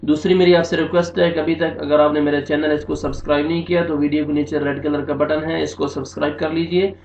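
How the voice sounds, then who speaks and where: A man with an Urdu-speaking accent teaching Quran recitation, slowly drawing out verses and then explaining the rules in plain speech. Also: fairly high pitch, little pitch movement, creaky, a little mellow, a little hiss or hum. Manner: slow drawn-out recitation between plain spoken explanations. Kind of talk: tajweed recitation lesson. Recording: echoey, dull lo-fi sound.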